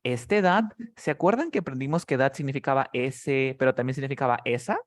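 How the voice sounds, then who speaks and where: A man's voice: medium pitch, fairly quick. A man teaches beginner English, patiently repeating words and calling on his students one by one. His voice sounds close and dry, with no room echo. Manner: patient, drills words and asks students by name. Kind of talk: live online class teaching beginners.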